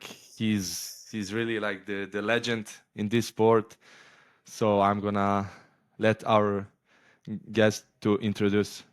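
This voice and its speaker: A man hosting a casual interview, halting, with many fillers. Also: fairly low pitch. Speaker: host.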